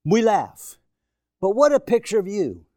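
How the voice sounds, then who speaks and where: A man in his sixties preaching with a high, lively voice that swoops up and down. He exhorts and hammers his points home with repetition. The sound is close and dry. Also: unhurried, no room sound. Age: 60s. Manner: emphatic, exhorting, repeats phrases for effect. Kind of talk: sermon. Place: church before a congregation.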